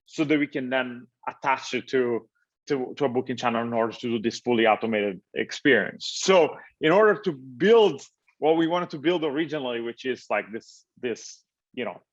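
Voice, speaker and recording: A man from Italy, founder and interview guest, answers in a halting way, full of fillers and repeated words. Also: medium pitch, expressive. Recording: slightly dull, lo-fi audio.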